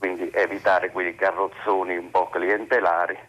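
Deep-voiced man calling in by phone. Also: flat delivery, a bit bright. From Naples, Italy. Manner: formal, hesitant, with many pauses and fillers. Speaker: radio phone-in caller. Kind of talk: call-in question on a radio talk show.

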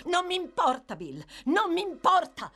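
A woman's voice: on the high side, sing-song, a little slow. A woman voicing a fierce, defiant young woman who cries out passionately. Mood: desperate. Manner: defiant, crying out loudly.

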